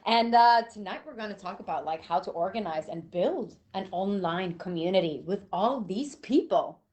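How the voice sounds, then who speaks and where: A woman co-hosting a live online show at an ordinary middle pitch. She giggles often and stops to search for the right word. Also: lively intonation, moderate pace, darkish tone. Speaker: co-host.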